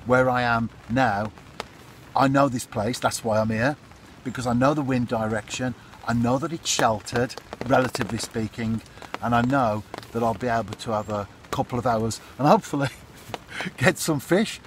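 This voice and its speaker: A man's voice: medium pitch, normal speed. Chatty middle-aged man under a fishing umbrella. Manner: chatty, repeats points, asks "isn't it?". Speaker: fishing vlogger. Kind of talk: casual to-camera advice. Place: outdoors under a fishing umbrella by a pool in a storm. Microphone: phone or camera close up. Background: storm wind and rain.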